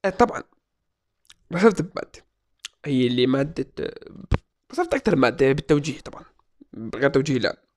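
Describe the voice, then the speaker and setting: A man in his twenties talks fast in a sing-song, mid-range voice, broken by long pauses. He runs a casual Q&A vlog from a desk in a small room, reading comments aloud and giving joking, playful answers.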